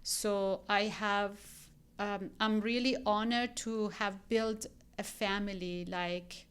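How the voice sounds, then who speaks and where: Slow, smooth-voiced Iranian woman. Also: mid-range voice, fairly even intonation, a bit bright. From Iran. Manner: earnest, frequent ums and restarts. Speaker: guest real estate agent. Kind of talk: casual podcast interview.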